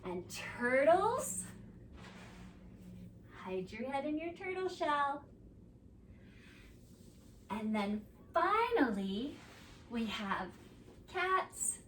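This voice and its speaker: A woman leading a preschool yoga class, giving gentle, sing-song prompts to children. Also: high voice, big pitch swings, very slow, pauses often, slight background noise. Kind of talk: guided kids' yoga instruction. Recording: echoey room, mic at a distance.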